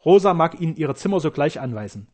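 An old, ailing count, read by a male narrator speaks with earnest trust and gratitude. His lines are heartfelt and measured. It is a German storybook reading. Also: fairly high pitch, lively intonation, darkish tone.

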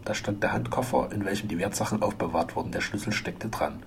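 A man narrating a classic adventure novel in a measured, even-paced reading. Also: lowish voice, gravelly, a little hiss or hum. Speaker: audiobook narrator. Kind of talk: scripted storybook narration.

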